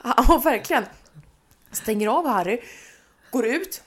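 Young woman podcast cohost, bouncy high voice, tells stories animated and laughing. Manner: animated, laughing, acts out shouts. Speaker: podcast co-host. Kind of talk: casual chat, storytelling.

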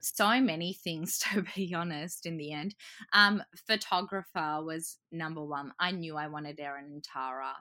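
Her pitch fairly low and her tone bright and forceful, a woman from Croatia talks chattily during a casual podcast interview. Laughter comes often, and she dramatizes what others said.

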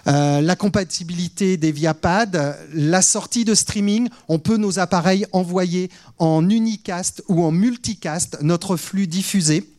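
Man rattling off a conference product pitch. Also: unhurried, few pauses, darkish tone. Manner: rattles off feature lists with frequent hesitations. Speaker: product presenter. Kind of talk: conference presentation.

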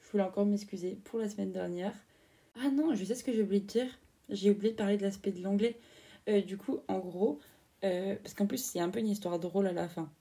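A young woman from France in her twenties tells a story in a loose, chatty podcast style, full of fillers and slang. Her voice is very dark and mellow, with a gravelly edge. She sits a little back from the mic. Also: mid-range voice, a little fast, far from the mic. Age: 20s. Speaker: podcast host.

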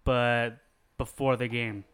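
A man's voice: mid-range voice, little pitch movement, slow pace, fairly bright tone, smooth. A man chatting casually as a podcast co-host, rambling with fillers and laughing often. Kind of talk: casual chat.

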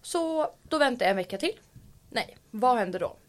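A woman telling a story in casual chat, lively, acting out the voices of the people in it, with frequent swearing. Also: on the high side. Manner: animated, acts out quoted voices, swears often. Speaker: podcast co-host.

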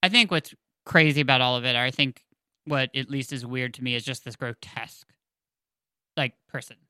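A man's voice: mid-range voice, steady tone, moderate pace, bright, forceful tone, clear, resonant tone, no echo, clean studio sound. A man hosting a casual book chat. He reads passages aloud and talks in a chatty way, with many fillers and self-corrections. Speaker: book podcast host.

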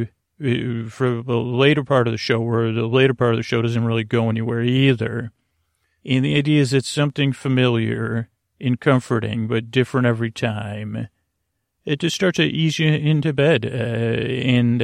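This is a man's podcast bedtime monologue: soothing and meandering, delivered in a creaky medium-pitched voice with faltering repeats and extended pauses. It's recorded to studio quality without any echo.

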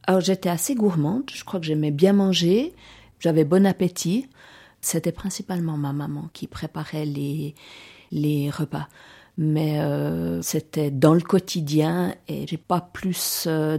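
A woman's voice: low voice, gravelly, warm tone, slightly rough. A woman, hesitantly recounting her personal story in an interview. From Lausanne region, Switzerland. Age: 40s. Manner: hesitant, reflective, many pauses and fillers.

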